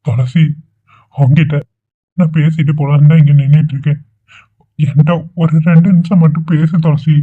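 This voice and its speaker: A lovesick young cartoon man who pleads and pushes insistently, as a man voices him. His delivery stays flat and level. The sound is thin and tinny, like a phone line. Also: fairly high pitch, moderate pace, long pauses, breathy edge. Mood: pleading. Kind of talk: dubbed cartoon dialogue.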